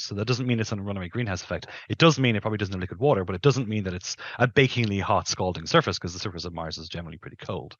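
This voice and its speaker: This middle-aged man, a guest planetary scientist on a video call, explains things carefully and with qualifications while using a headset. His fairly low voice is a bit bright with a breathy edge, and the dull audio has no room sound.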